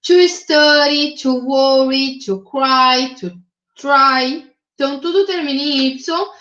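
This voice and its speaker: A woman with a Brazilian Portuguese accent teaches English grammar to her class, patient and methodical, often checking in with short tag questions. Her voice sits high and fairly bright, with fairly even intonation and a slow pace, in a roomy, slightly dull recording.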